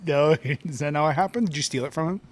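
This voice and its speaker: A man's voice: fairly high pitch, quick pace. Rambling, laughing man podcast host. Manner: laughs often, rambling with many fillers. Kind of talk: casual chat.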